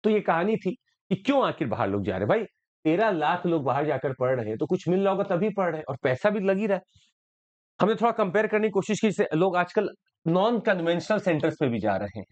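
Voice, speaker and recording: A man with an Indian accent teaches current affairs, walking exam students through the day's news in an exam-prep analysis lesson. He mixes Hindi and English and repeats key points. His voice sits high with big pitch swings, he talks fairly quickly, and the sound is lo-fi.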